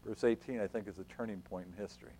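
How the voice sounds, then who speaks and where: A male pastor preaching a sermon, animated and conversational, acting out the scripture figures and dropping to a whisper for emphasis. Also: quick pace, a little hiss or hum. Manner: animated, acts out the Bible figures with shifts in pitch and volume.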